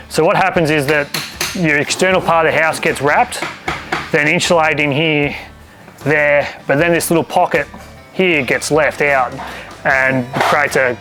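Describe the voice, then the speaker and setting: A man's voice: a little high, fairly bright tone. An Australian man, a builder, explaining things casually and practically as he presents a site walkthrough. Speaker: builder co-hosting a home-building show.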